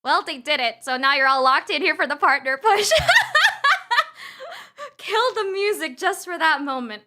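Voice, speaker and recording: A young-sounding woman streamer with a high, bright voice chats casually with her viewers and breaks into giggles every few lines. Her pitch swoops up and down with lively expression as she rambles and restarts her thoughts close to the mic, with faint music playing behind her. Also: unhurried. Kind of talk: casual livestream chat with viewers. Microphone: close desk mic.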